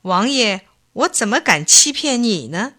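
Woman playing a poor clever old man, calm, bright voice, storybook. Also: fairly high pitch, measured pace, voice pushed up, exaggerated voice. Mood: pleading.

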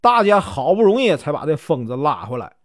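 A man from Northeast China telling a folk tale as a casual storyteller, lively and animated. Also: a little high, brisk, no room sound, studio quality.

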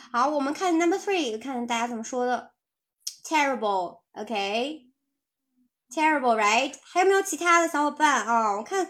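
A woman's voice: sits high, fairly bright tone. A woman teaching English in a live-streamed lesson, chatty and encouraging as she answers viewers' messages. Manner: chatty, encouraging, reads out chat replies with laughs.

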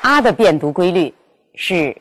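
A woman teaching pronunciation, carefully and deliberately sounding out each example. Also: on the low side, very animated, fairly bright tone. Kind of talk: instructional lesson with spoken examples.

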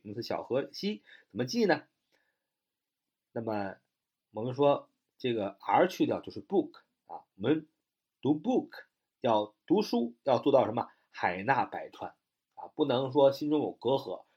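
A man with a slightly husky voice gives an English vocabulary lesson, his pitch rising and falling in lively swings. He spells words out letter by letter and reads the English example sentences slowly, with a drawn-out "ah" between phrases. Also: muffled recording. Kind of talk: explanatory lesson.

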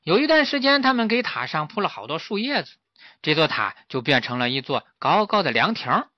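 A man's voice: a little high, sing-song, fairly quick, no room sound. A man, a father, animatedly telling a playful children's story to his son, with frequent exclamations. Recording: slightly muffled dry recording.

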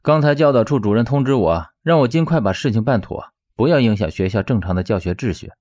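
A man's voice: medium pitch, animated, fast talker, a little mellow, lightly acted. A male narrator playing a weary young man who talks in a resigned, sighing way in an audiobook.

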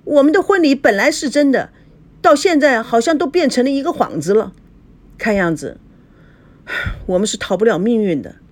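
A wronged young bride from a rich family answers in an aggrieved, defensive voice with a lively pitch, as a woman reads her lines. She sounds stung and put upon in this spoken story. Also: moderate pace, long pauses.

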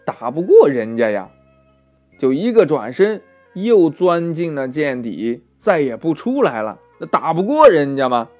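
A man narrating a children's story in a lively, expressive way, stretching out his phrases. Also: on the high side, dull audio.

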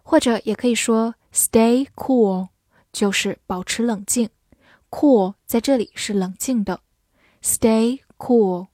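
A woman teaching English vocabulary in a scripted lesson, spelling each word out letter by letter and reading example sentences slowly. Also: fairly high pitch, mellow, dry recording, clean studio sound. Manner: spells words out letter by letter, slow model readings.

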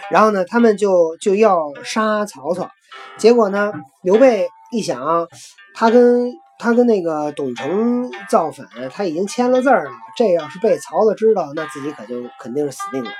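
Casual female history host, Beijing accent, lowish relaxed voice, animated retelling, faint music behind. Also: normal speed.

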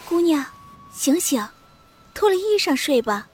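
A devoted young maidservant speaks in a high, gentle, soothing voice, fussing over her sick mistress, acted by a man reading the story. She sounds tender and attentive, with a storyteller's clarity. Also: big pitch swings, measured pace, slight background noise, heavily acted. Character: caring young maid, gentle and worried.

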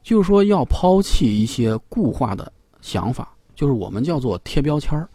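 A man's voice: mid-range voice, sing-song, moderate pace, warm tone, slightly rough, no echo, studio quality. A man speaking as a parenting expert on a radio talk show, explaining at length with many fillers and repeated phrases.

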